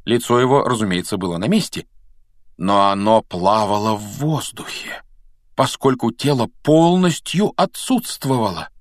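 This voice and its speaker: A man reading an audiobook aloud, with measured, expressive storytelling narration. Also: fairly low pitch, no room sound, clean studio sound. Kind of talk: scripted narration.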